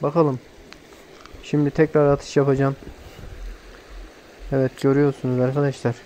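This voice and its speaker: A man narrating his fishing trip outdoors on a stream bank in a calm, casual way, giving tips to viewers while filming first-person. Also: medium pitch, moderate pace, a little hiss or hum. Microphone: handheld camera filming first-person.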